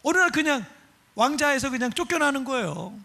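A male pastor preaching a sermon in an animated way. He asks the congregation rhetorical questions and explains pictures shown on a screen. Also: extremely high pitch, fairly quick, vocal fry.

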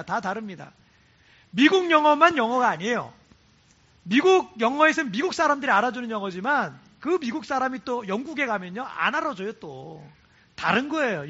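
A high-pitched male pastor from Korea delivers a chatty sermon, his voice bright and slightly husky. He swings up and down with lively intonation and keeps repeating phrases for emphasis. The church recording sounds dull and lo-fi. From South Korea. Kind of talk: sermon to a congregation. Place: church in Cebu.

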